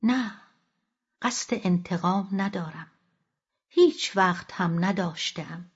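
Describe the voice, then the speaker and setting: A woman reading the part of a calm, resolute middle-aged wife who speaks quietly and softly, in a dull lo-fi audiobook recording. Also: lowish voice, slightly rough. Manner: calm, quiet, soft-spoken.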